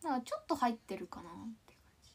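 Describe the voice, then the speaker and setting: A woman's voice: on the high side, huge pitch swings, very fast. A young woman in her twenties from Ishikawa, chatting casually on a livestream with a mostly standard accent that slips into Kansai touches, giggling and reading comments aloud. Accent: mostly standard Japanese with Kansai touches. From Ishikawa, Japan. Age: 20s.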